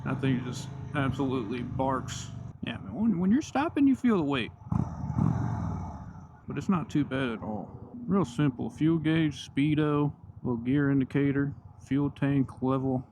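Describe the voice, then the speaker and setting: A man's voice: mid-range voice, unhurried. A man giving casual, slangy, enthusiastic but laid-back commentary while riding a motorcycle outdoors. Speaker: motorcycle vlogger. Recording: loud engine and riding noise.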